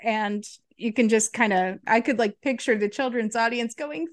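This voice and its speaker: A woman's voice: a little high, normal speed. A woman co-hosting a podcast, chatting casually with wry, dry humor. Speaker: podcast co-host. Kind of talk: casual chat, recapping a TV episode.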